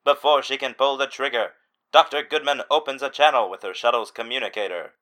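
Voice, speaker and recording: A man giving mock-dramatic scripted narration in a deadpan, dramatic manner. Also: medium pitch, fairly quick, heavy background noise.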